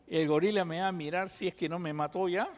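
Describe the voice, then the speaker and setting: A man from Peru with a Peruvian Spanish accent, preaching a sermon and teaching through lively examples and rhetorical questions. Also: high voice, a little fast. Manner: animated storytelling, acts out examples, rhetorical questions. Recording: long hall reverb.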